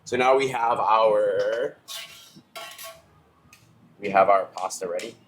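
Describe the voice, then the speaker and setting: Male chef, very low deep voice, dry teasing delivery, relaxed kitchen chat. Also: takes it slowly, slight background noise, poor audio. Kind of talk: casual chat. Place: restaurant kitchen.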